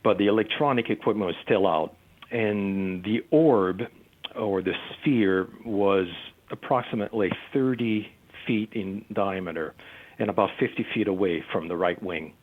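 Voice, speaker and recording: Deep-voiced man on a tinny phone line. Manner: halting, with many fillers and restarts. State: losing his voice. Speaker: UFO field investigator. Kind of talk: recounting a case in an interview.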